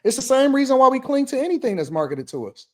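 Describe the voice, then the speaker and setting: A man's voice: very high voice, very animated, fast talker, a little mellow. A man in his forties from Detroit, hosting a heated panel debate and repeating himself insistently to hold the floor. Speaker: podcast host.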